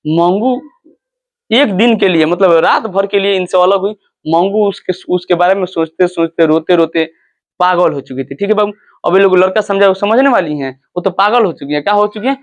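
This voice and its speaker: A man's voice: high voice, dull audio. A man who teaches a school story, often asking his listeners questions and then answering them himself.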